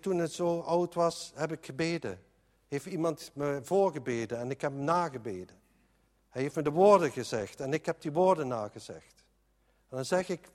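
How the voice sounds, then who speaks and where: A man's voice: fairly high pitch, long reverb tail. A man preaching a sermon in an earnest, emphatic way, often restarting his sentences.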